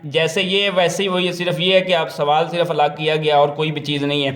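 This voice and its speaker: A man teaching a first-grade reading lesson to parents and tutors, with a Pakistani accent. He explains patiently, repeats himself, and sounds out letters slowly. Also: fairly high pitch, flat delivery, fairly bright tone, echoey room.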